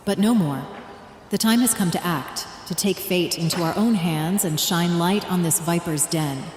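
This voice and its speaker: In an audio drama, a woman with a somewhat low, lightly acted voice plays a devout religious leader rallying her people. She narrates in first person through speeches and prayer, her oratory solemn, declamatory and deliberate, with a fervent, resolute mood. Echoey hall reverb surrounds her, with ambient noise in the background.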